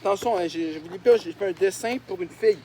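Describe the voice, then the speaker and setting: A man's voice: high-pitched, quick pace, dark tone, slight background noise. A young man with a Québécois accent, making mocking, self-deprecating commentary on his old drawings and swearing often. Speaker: YouTuber. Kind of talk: casual commentary on childhood drawings.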